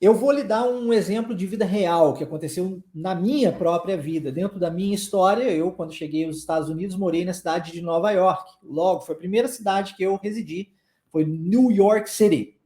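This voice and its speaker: A man's voice: sits high, moderate pace, warm tone, reverberant. A man from Brazil, an English teacher, giving a chatty online lesson and having listeners repeat phrases.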